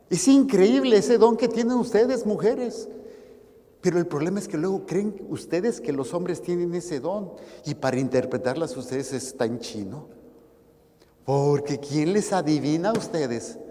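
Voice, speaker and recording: A man with a Mexican Spanish accent, a priest giving a sermon with animated, playful asides to the congregation. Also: a little high, big-room sound. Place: church.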